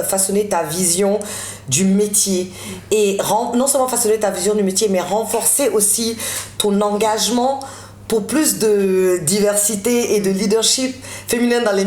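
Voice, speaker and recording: A woman's voice: medium pitch, normal speed, darkish tone. A woman talk show host who grew up in Texas, asking questions thoughtfully and searching for words with many fillers. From United States, Texas. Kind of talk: interview questions. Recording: roomy studio sound.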